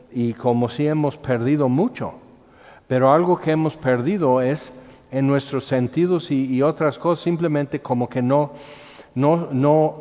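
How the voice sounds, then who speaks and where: Mexican pastor, mid-pitched, conversational sermon, acts out quotes; dull sound, long hall reverb. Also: male voice, warm tone. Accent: Mexican Spanish.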